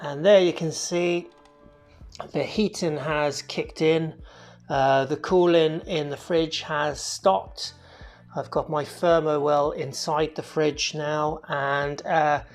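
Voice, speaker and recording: Relaxed homebrewer explaining each step. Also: medium pitch. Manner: relaxed, explanatory, many fillers. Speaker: homebrewer hosting the channel. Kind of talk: casual how-to narration.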